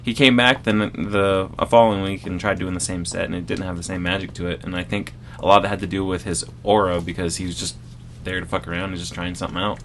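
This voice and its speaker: A man's voice: low voice, flat delivery, fast talker, a bit bright, a little hiss or hum. A man who is a guest comedian, chatting casually on a podcast and telling rambling, self-deprecating anecdotes.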